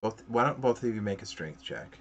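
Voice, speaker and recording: A man running a tabletop game as game master, measured, with pauses and fillers. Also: lowish voice, animated, muffled recording, slight background noise. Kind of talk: tabletop game play over a stream.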